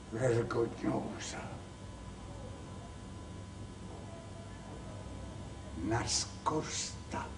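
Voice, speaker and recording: A proud, cunning clerk nursing a bitter grievance, played by a man on stage. He speaks slowly and theatrically, dropping to a hush and then rising to a shout. The sound is distant and echoey, caught from far off in a theatre with faint ambience behind. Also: mid-range voice, background noise, lightly acted. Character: proud wronged middle-aged male clerk Ciampa, bitter and cunning. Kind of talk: stage acting. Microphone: distant room mic.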